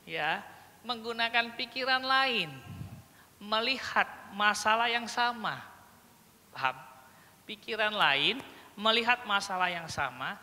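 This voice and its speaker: A teacher trainer giving a workshop lecture to teachers, lively, acting out short child and teacher dialogues and often checking that the audience follows. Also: mid-range voice. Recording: long hall reverb.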